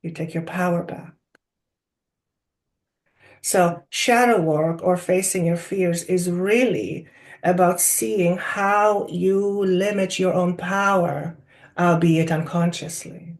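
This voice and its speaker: A person voicing a channeled collective of wise spirit guides, like a seance medium in trance, deliberate and oracular with drawn-out emphasis and rhetorical questions. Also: medium pitch, fairly even intonation. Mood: solemn, instructive. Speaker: channeler speaking as a council of spirits.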